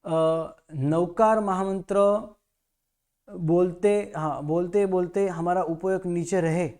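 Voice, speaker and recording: A man teaching a Jain prayer in Hindi, pronouncing each syllable slowly and correcting common mistakes. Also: high voice, steady tone, a little mellow. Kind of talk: slow recitation lesson.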